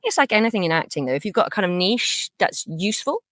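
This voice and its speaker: Animated woman with a North Welsh accent. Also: medium pitch, fast, no echo, studio quality. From North Wales. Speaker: voice actor being interviewed. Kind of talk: casual interview conversation.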